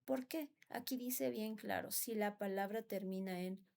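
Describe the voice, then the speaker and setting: A woman's voice: mid-range voice, steady tone, moderate pace, vocal fry, a little mellow. A woman who speaks natively in her English, patiently teaching English grammar and often asking for agreement. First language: Spanish. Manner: patient, repeats words and asks "¿no?" for agreement. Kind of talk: classroom explanation.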